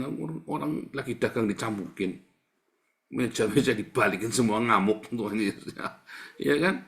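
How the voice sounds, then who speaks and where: Emphatic preacher. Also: male voice, mid-range voice. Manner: conversational, emphatic, repeats words for stress. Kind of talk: sermon.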